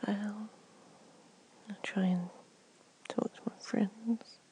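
Warm slow-whispering woman. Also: medium pitch, steady tone, slight background noise. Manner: soft comforting whisper. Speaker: ASMR performer. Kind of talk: ASMR comfort roleplay.

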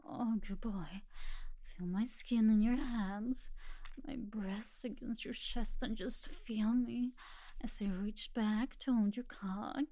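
A woman performing an intimate audio roleplay, talking in a soft, doting way and often dropping into a whisper. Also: mid-range voice, no room sound.

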